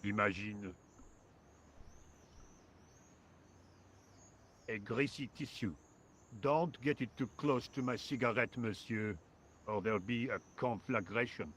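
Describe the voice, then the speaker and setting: A man's voice: on the low side, normal speed, a bit bright, a little hiss or hum, natural voice. A man voicing a lazy, sarcastic French workman in a video game, with a French accent and a dry, indifferent drawl.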